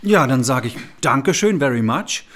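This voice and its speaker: An actor playing a radio host who moderates politely and briskly toward the news. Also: male voice, mid-range voice, expressive, a bit bright. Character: radio show host wrapping up an anniversary broadcast. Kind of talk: radio play acting.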